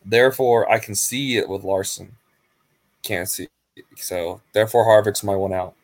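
A man's voice: lowish voice, normal speed, dry recording. A man co-hosting a sports podcast, arguing his pick with emphatic repetition. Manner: emphatic, repeats points. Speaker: podcast co-host. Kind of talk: casual debate.

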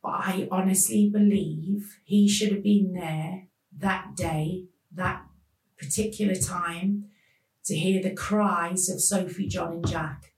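A woman tells a painful personal story as a podcast guest, speaking haltingly with many pauses. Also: lowish voice, steady tone, a little mellow, recorded from a distance. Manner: slow, halting, emotional retelling with many pauses. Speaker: podcast guest telling her life story. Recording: roomy sound, voice off the mic.

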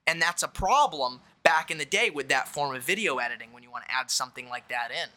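A man's voice: medium pitch, fast. A young man in casual conversation, talking animatedly and swearing freely. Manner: animated, swearing, shouts when acting out quotes. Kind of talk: casual chat.

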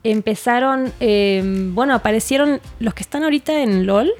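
A woman's voice: a little high, moderate pace, a little mellow, soft background music. A woman with a Mexican accent, a guest on a casual podcast, talking in a laid-back, rambling way with many tag questions.

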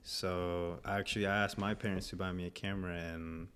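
A young man from Venezuela, a photographer, talking as a podcast guest in a relaxed, rambling way with many fillers. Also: low voice, brisk, smooth. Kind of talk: casual podcast chat.

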